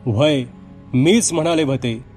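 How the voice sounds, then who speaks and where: A man's voice: on the high side, measured pace, a little mellow, soft background music, natural voice. A man voicing a vengeful female ghost who possesses a young village nurse, speaking in rural Marathi with a harsh, growling, threatening manner. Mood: menacing. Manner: menacing, taunting threats.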